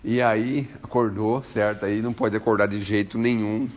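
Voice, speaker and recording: A man's voice: lowish voice, moderate pace. A man with a Brazilian Portuguese accent giving an informal spiritual talk, joking and chatting with his listeners. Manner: jokey, animated, chats with listeners. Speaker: spiritual lecturer.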